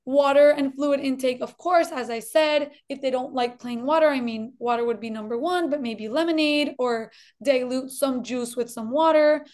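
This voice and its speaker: A dietitian from Colombia, a woman in her thirties, speaks at a moderate pace with few pauses in a high, darkish voice and a slight Colombian Spanish accent. She gives friendly, explanatory interview talk and repeats things for emphasis.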